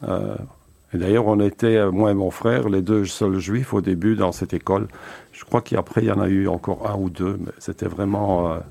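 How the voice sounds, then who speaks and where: A Belgian-born man in his seventies, a company founder, answers interview questions about his career in a relaxed, easygoing way. His voice is low, creaky and warm with fairly even intonation, and he speaks at normal speed with many hesitations and restarts.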